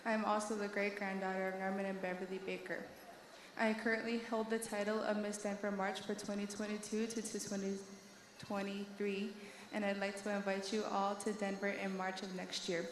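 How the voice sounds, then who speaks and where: A woman's voice: mid-range voice, flat delivery, normal speed. A woman from North Dakota giving a formal self-introduction as visiting powwow royalty. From North Dakota, United States. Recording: echoey sound system, faint background noise.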